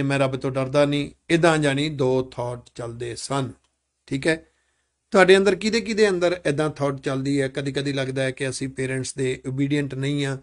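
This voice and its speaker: A man leading a live classroom discussion with children, asking many questions and urging them to speak up. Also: medium pitch.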